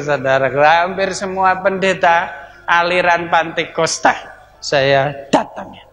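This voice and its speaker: Male evangelist, bright high voice, acts out his story, faint music under a reverberant hall. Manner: animated storytelling, laughing, acting out dialogue. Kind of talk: sermon testimony.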